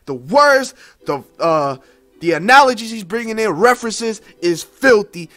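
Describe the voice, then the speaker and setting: A young American man hosting a reaction video, excitedly exclaiming and breaking down what he hears. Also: high voice, a little slow. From United States. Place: small indoor room at a desk. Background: faint music from the video he plays.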